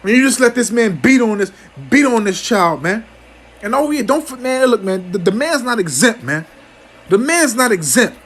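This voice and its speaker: A man with a high, husky voice preaches over scripture in an angry, profane commentary. He stumbles and restarts his words often. Nearly every phrase closes with "man". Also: lively intonation, moderate pace, a bit bright. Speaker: scripture teacher.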